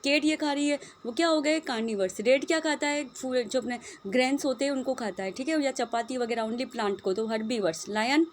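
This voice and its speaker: A woman's voice: high voice, fairly quick, few pauses, slight background noise. A woman teacher with an Indian accent explaining a school lesson to her students, switching between Hindi and English and calling them beta. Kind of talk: online class lesson.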